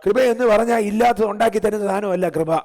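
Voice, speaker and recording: A male pastor with a Malayali accent preaching a fervent sermon to his congregation, swinging between drawn-out cries and low, quick asides and firing rhetorical questions at the crowd. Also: a little mellow. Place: large church hall.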